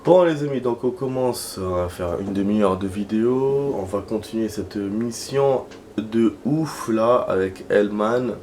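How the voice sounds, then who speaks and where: A man's voice: fairly low pitch, measured pace, darkish tone, slight background noise. A man giving casual, joking gameplay commentary and laughing at himself. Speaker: gaming let's-player.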